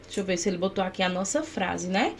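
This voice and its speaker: A woman's voice: medium pitch, animated, fast talker, slight background noise. A woman teacher working through exam questions step by step, often checking in with her students. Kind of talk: exam-prep grammar lesson.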